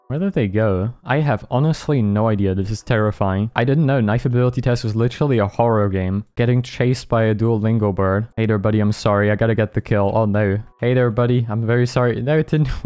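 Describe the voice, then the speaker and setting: Mellow-voiced man chatting over gameplay. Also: medium pitch, dry recording. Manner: laughing, apologetic, self-mocking. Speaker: gaming YouTuber. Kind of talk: casual gameplay commentary.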